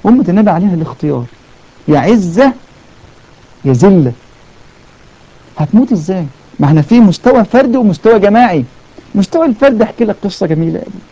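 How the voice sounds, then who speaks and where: A man's voice: high voice, lively intonation, fast talker, pauses often, mellow. A man with an Egyptian accent preaching in colloquial Arabic, telling stories with emphatic repetitions and taking callers. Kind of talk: fervent colloquial sermon. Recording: dull lo-fi audio.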